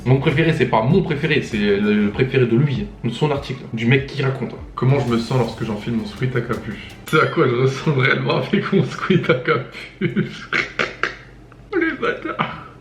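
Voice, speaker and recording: This YouTuber host has a mid-range voice and a moderate pace. In his casual reaction video, the young man reads captions aloud, jokes about them with lots of laughter, and stays animated throughout, all in a room with noticeable echo.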